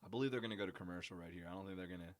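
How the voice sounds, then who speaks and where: Low-voiced man doing excited watch-along chat. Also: racing, no room sound. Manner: excited, chatty, addresses listeners as y'all. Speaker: podcast host. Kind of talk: live watch-along commentary.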